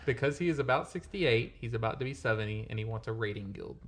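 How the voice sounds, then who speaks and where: A man's voice: medium pitch, fast talker. A man with a Southern US accent co-hosts a podcast, chatting casually in a jokey, teasing way. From Southern United States, Arkansas. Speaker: podcast co-host. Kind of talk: casual chat.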